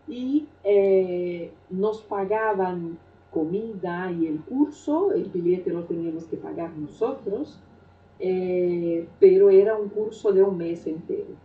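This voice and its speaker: A middle-aged Brazilian woman, a native Portuguese speaker with a Brazilian Portuguese accent, recounts her life story in an unhurried, reflective way, hesitating often. Her voice is mid-range, and the recording sounds roomy, distant and dull.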